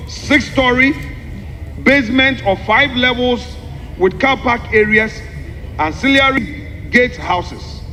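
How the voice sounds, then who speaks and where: A man delivering a formal parliamentary speech, explaining a document point by point in an emphatic, deliberate way with repeated phrases. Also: very high-pitched, sharp tone. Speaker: member of parliament. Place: large parliamentary chamber. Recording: echoey hall with long reverb, background noise.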